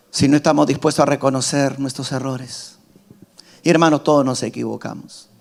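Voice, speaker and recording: A middle-aged man preaching a sermon as pastor, emphatic, rising to loud climaxes and dropping to soft asides. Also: medium pitch.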